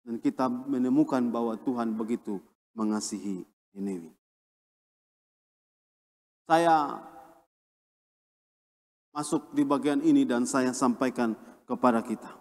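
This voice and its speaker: A man from Indonesia, a pastor, preaching a sermon with emphatic swings between a raised and a lowered voice. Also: a little slow, long pauses, darkish tone, in a large hall. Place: church.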